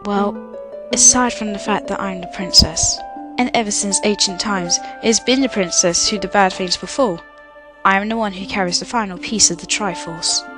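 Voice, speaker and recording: A selfless young princess, acted by a woman in an amateur radio play. She speaks in formal, measured phrases with solemn resolve at a middling pitch, while music plays clearly behind her. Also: natural voice. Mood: solemn, explaining. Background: loud music.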